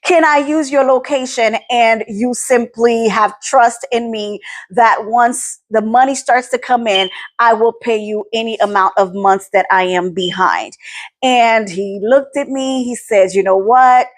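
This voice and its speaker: A woman's voice: a little high, unhurried. Emotional woman sharing her faith story. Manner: emotional, faith-filled, repeats words for emphasis. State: teary, near crying. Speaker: podcast host. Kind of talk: personal testimony, casual talk.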